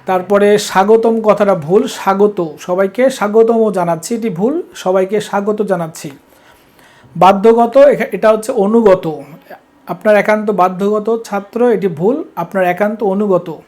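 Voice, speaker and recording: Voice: mid-range voice, darkish tone. Teacher explaining rules step by step. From Bangladesh. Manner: explains step by step, checks understanding with short prompts. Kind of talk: classroom lesson.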